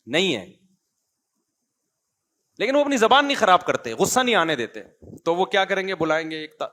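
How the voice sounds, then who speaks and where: A man with a fairly high voice gives a conversational religious sermon, moving between soft storytelling and forceful emphasis. He often asks his listeners rhetorical questions. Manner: storytelling, swings from quiet asides to emphatic preaching. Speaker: Islamic preacher.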